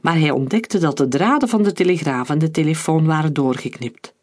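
A narrator reading a thriller aloud in a measured storytelling manner. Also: medium pitch, darkish tone. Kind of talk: audiobook narration.

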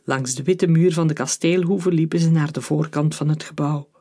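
A man reading a children's adventure story aloud in a lively, dramatic way. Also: on the high side, moderate pace. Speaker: narrator.

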